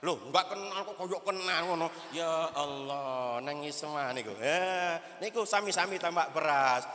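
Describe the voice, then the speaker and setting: A man's voice: fairly high pitch, measured pace, fairly bright tone. A middle-aged man from Sumatra giving a humorous sermon, telling jokes and stories. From Sumatra (Bangko, Jambi). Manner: joking, storytelling, mixing in Javanese. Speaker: preacher. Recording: echoey hall from a distance.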